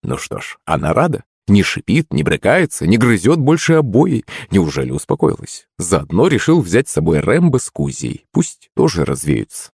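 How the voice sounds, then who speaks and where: A man narrating a first-person audiobook in a lively, wry storytelling manner. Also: on the low side, normal speed, vocal fry, hardly any pauses, breathy edge, no echo, studio quality.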